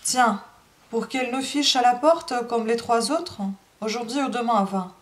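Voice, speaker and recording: A woman reading a novel aloud, voicing a bitter, grieving peasant gardener with rough, angry speech. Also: extremely high pitch, normal speed, a bit bright, recorded from a distance, pitched above the performer's own voice.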